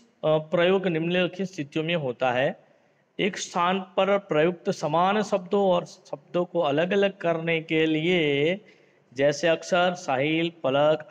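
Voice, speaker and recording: A male teacher talks unhurriedly through a grammar lesson in a fairly high voice. He leans on examples, mixes in English words, and addresses the class as friends. The sound is dull and lo-fi, with a long echo from a large reverberant room. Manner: reads example sentences in a lifted, acted voice.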